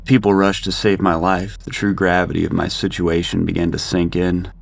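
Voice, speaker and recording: A man narrating a first-person horror tale with a very deep voice. There is a gravelly fry under his words, and he tells it steadily and grimly. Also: level tone, normal speed.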